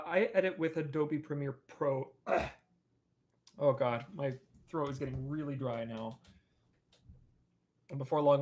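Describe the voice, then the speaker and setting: A young man answering viewer questions on a live stream in a rambling, casual way, full of fillers and restarts. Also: medium pitch. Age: young adult. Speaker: animator and streamer.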